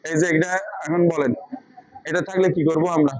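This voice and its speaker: A man's voice: a little high, steady tone, normal speed, a crowd in the background, rough recording. A man teaching Quran reading in a class, quizzing students patiently with repeated questions. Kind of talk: online class lesson.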